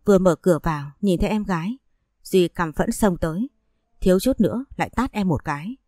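Female storyteller, low mellow voice, dry close recording, steady emotive delivery. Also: fairly quick, no echo. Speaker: narrator. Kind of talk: storytelling audiobook narration.

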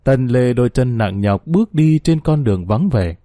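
A man's voice: mid-range voice, animated, normal speed, mellow, no echo, studio quality. A man narrating a ghost story in a scripted reading, giving the characters small acted shifts.

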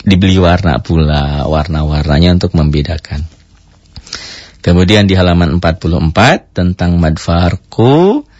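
A man teaching Quran recitation rules in a radio lesson, explaining step by step, asking and answering his own questions and chanting example verses slowly. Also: low-pitched, a little mellow, husky, no room sound. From Indonesia. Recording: muffled dry radio broadcast.

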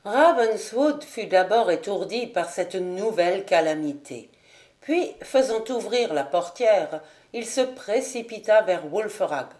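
A woman narrating a classic novel as an audiobook, reading clearly and with measure. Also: mid-range voice, lively intonation, takes it slowly, darkish tone. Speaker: audiobook reader.

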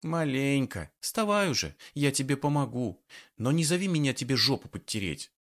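A man reading an audiobook, voicing a sharp-tongued, bossy young woman who scolds and mocks. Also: medium pitch, big pitch swings, moderate pace, voice pushed up. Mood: scolding. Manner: scolding, mocking.

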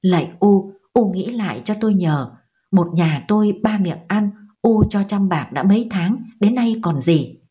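A woman's voice: medium pitch, expressive, a little slow, mellow, lightly acted. A woman voicing a humble young man begging his mother, in a pleading tone.

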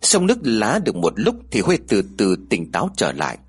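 Husky man narrating an expressive ghost story. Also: fairly low pitch, fairly quick, faint music behind. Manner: formal, expressive reading.

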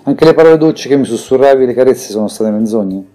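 A man's voice: medium pitch, animated, fast, dark tone, faint music behind, natural voice. A man reading a tearful, hurt young woman. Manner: trembling voice.

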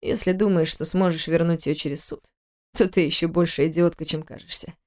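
A woman reading the part of a scornful, controlling husband in an audiobook, speaking quietly, mockingly and with menace. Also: low voice, fairly even intonation, a little fast, close to an everyday voice. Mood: menacing. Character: cold, scornful adult man, a controlling husband.

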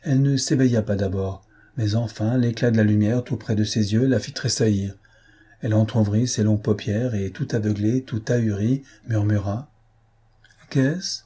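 An audiobook narrator reads a classic novel in scripted narration, keeping a measured, steady storytelling pace. His voice is on the low side with a breathy edge.

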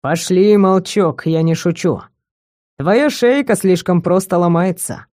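A woman reading an audiobook, voicing a young male werewolf kidnapper who speaks low, quiet and mocking. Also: unhurried, dry recording, clean studio sound, lightly acted. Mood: menacing. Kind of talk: audiobook character voice.

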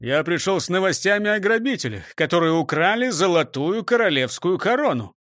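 A man's voice: sits high, big pitch swings, brisk, fairly bright tone, no room sound, studio quality. A man playing a grumpy police chief. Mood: gruff. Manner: grumpy, curt. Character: gruff middle-aged police chief, grumbling.

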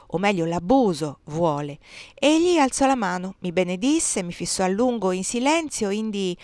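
Expressive woman reading a novel aloud. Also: medium pitch, dry recording. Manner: expressive, lively storytelling. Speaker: reader. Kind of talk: literary audiobook reading.

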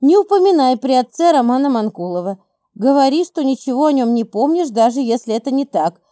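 A woman's voice: sits high, lively intonation, brisk, mellow, no echo, clean studio sound. A woman reading the part of a stern, anxious middle-aged mother who talks in clipped, controlling phrases. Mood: urgent pleading.

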